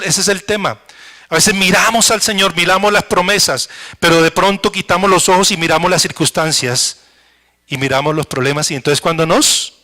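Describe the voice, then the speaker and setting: Pastor guy preaching, bright sharp voice, kinda high, acts out the doubters all hushed. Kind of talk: sermon.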